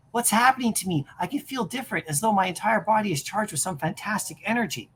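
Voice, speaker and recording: Woman doing a nerdy teen boy from a comic, jumpy and excited, husky voice that swoops up and down. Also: medium pitch, fairly quick. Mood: amazed. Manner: excited, breathless exclamations. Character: nerdy teenage boy, bullied and anxious.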